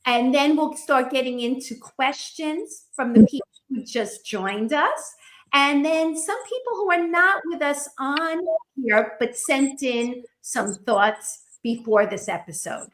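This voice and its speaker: Female podcast co-host, high voice, slow deliberate phrasing, echoing room sound. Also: lively intonation. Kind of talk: conversational hosting.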